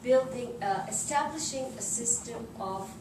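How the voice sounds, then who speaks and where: A middle-aged woman with an Israeli accent tells personal anecdotes in an informal interview, halting and searching for words. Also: a little high. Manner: halting, searching for words in non-native English. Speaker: journalist being interviewed. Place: indoors in a living room, seated on an armchair. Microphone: distant camera microphone. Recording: roomy, noisy recording from a distance.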